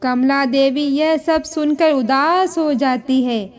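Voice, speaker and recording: A woman narrating a moral family story in a measured, dramatic storytelling manner. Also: high voice.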